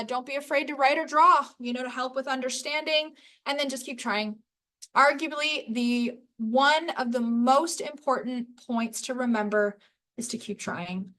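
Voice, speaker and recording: High-voiced, chatty woman instructor. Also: pushed and bright. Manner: casual, chatty, self-correcting with light laughs. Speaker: workshop instructor. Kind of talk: live training presentation.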